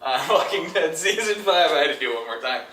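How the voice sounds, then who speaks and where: A man's voice: a little high, quick pace, a little hiss or hum. Young guy hosting a chill chat, laughs a lot, kinda far from the mic, echoey room. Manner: relaxed, laughing, wraps up the show. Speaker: podcast host. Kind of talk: casual chat.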